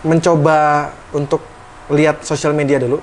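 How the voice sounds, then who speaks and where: A man's voice: a little high, little pitch movement, normal speed, a little hiss or hum, poor audio. A man hosting a casual interview, speaking in an enthusiastic, chatty way. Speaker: host.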